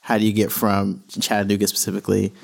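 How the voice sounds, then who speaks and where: A man's voice: fairly low pitch, monotone, quick pace, gravelly. A man co-hosting a podcast, upbeat, who laughs easily and leads with questions. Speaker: podcast co-host. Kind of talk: casual interview chat.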